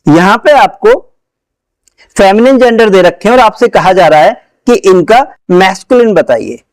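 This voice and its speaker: A man's voice: high voice, animated, moderate pace, dry recording, low-quality recording. A man teaching an English grammar lesson, patiently asking questions and then answering them himself. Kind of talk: classroom lesson explanation.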